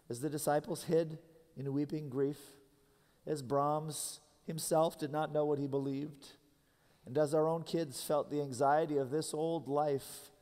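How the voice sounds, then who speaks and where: A pastor in his thirties preaching a sermon in earnest, slowing down to stress key phrases. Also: fairly high pitch, mellow. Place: large church sanctuary. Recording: long hall reverb from a church sanctuary.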